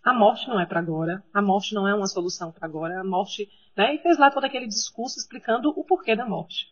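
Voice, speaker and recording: A woman in her thirties tells a personal story for a devotional talk. She keeps it conversational and often checks in with her listeners. Her voice sits at a middle pitch, and the recording sounds slightly muffled. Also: fast talker. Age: 30s. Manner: conversational, frequent tag questions.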